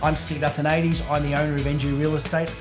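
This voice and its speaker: A man's voice: a little high, level tone, fast, music in the background. A man hosting a real estate podcast, introducing his guest with upbeat enthusiasm. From Australia. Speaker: podcast host. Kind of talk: casual podcast interview.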